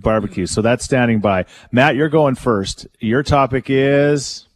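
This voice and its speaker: A man's voice: mid-range voice, unhurried. Man hosting a casual podcast game. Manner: plays game-show announcer, hesitant restarts. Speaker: podcast co-host. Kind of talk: casual podcast chat with freestyle rapping.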